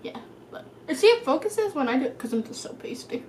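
High, youthful woman's voice, roomy sound. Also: very animated, a little fast, noisy background. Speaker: vlog co-host. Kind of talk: casual chat. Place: indoor home dining room. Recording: echoey home room.

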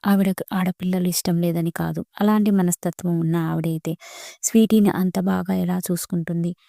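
Flat, gravelly woman storyteller. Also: fairly low pitch, moderate pace, no echo, studio quality. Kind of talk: scripted narration of a romantic story, voicing all characters.

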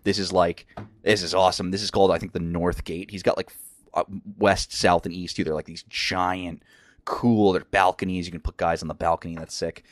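A man with a low, scratchy voice hosts a casual crafting tutorial from his craft room at home. He talks with rambling enthusiasm and lots of fillers. The sound is close and dry. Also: flat delivery, a little fast, no echo. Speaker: crafting channel host.

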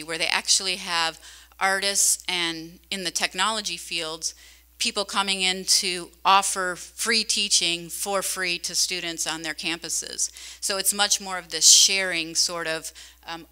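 A woman's voice: lowish voice, sharp tone, clean tone. A middle-aged woman giving a conversational conference keynote into a handheld microphone in a large hall, often asking the audience questions. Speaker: keynote speaker.

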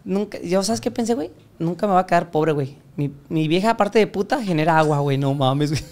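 In a casual storytelling interview on a podcast, a young Mexican guest tells crude, profane stories and performs the voices of those he quotes. His voice is fairly high and darkish, expressive, and quick-paced.

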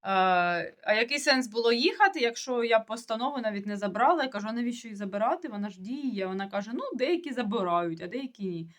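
A young woman whose first language is Russian talks to camera as a village-life vlogger, chatting casually with viewers about everyday matters. She has a sore throat, and her fairly high, bright voice is expressive and quick with few pauses. She rambles and restarts, sounding puzzled.

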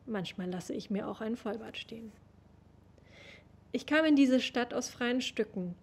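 A young woman giving a slow, measured literary reading, recorded over a webcam in a room at home. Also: on the high side, breathy edge. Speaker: reader of literary texts.

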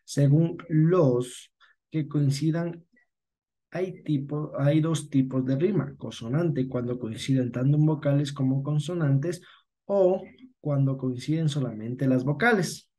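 A man with an Ecuadorian Spanish accent teaches an online class patiently, often correcting himself and checking that students follow. He speaks slowly in a fairly high, dark-toned voice.

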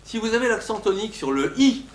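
Older man lecturing, lively up-and-down voice, fairly high pitch, hesitant fillers, echoey lecture hall. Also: brisk, a little hiss or hum. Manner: animated, emphatic on example words, frequent hesitations. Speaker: linguistics professor lecturing. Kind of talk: academic lecture.

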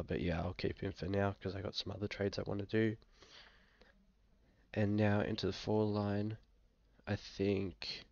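Here a slightly sick young Australian man with a low, gravelly, darkish voice offers casual screen-share commentary on fantasy football, coughing every so often. His delivery is relaxed and hesitant, with frequent fillers. Recorded in a small indoor room, the audio is dry and dull.

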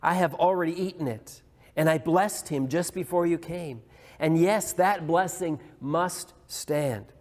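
A man reading the lines of an old, blind father quietly and slowly in a sermon. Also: fairly high pitch, close to an everyday voice. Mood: solemn. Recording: long hall reverb.

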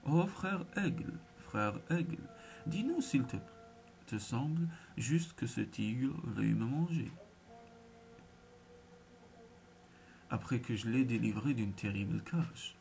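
A man's voice: mid-range voice, animated, measured pace, gravelly, darkish tone, slight background noise. A man voicing an anxious poor male brahmin who pleads urgently. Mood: pleading. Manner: urgent, imploring.

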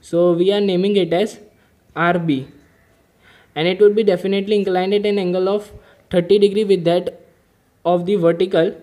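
High-voiced man tutoring step by step. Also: fairly even intonation, moderate pace, long pauses, warm tone. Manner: methodical, step-by-step explaining with filler "okay". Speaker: engineering mechanics tutor. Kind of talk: whiteboard-style problem-solving lesson.

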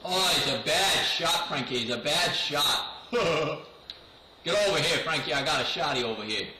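While playing a video game, a gamer voices a brash New York tough guy, using a put-on accent to trash-talk over voice chat. He laughs a lot and gloats, mocking rivals as mooks and goombas in a voice on the high side, with a sharp tone and moderate pace. The mic is distant, with echo and clear noise.

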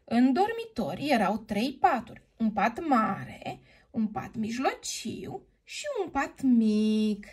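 Lively, sing-song woman reading a children's story. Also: a little high, husky. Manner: expressive, sing-song, playfully addressing the heroine.

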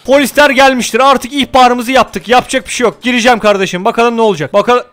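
A young man commenting on a game he is playing, excitable and teasing, playfully swearing at the characters. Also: extremely high pitch, fast. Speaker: gaming YouTuber.

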